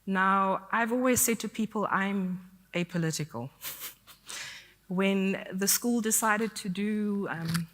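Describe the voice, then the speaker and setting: A woman's voice: mid-range voice, slow, fairly bright tone. A woman from South Africa with a South African accent, giving a candid, conversational conference talk. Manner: candid, conversational, self-deprecating. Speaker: conference speaker. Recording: long hall reverb.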